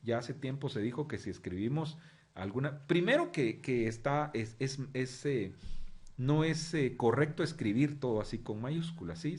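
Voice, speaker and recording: A middle-aged male lecturer talks to his students in a relaxed, conversational way. His voice rises and falls a lot, and he keeps checking in with small questions while he explains. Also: medium pitch. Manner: animated, frequent tag questions and fillers. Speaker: university journalism lecturer. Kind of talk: online class lecture.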